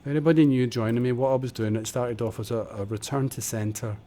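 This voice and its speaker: The voice is a man's, medium-pitched and mellow, brisk with fairly even intonation. He's casually live-streaming a building game from home through a desk condenser mic, chatty and self-deprecating, muttering as he works through tutorial-style commentary.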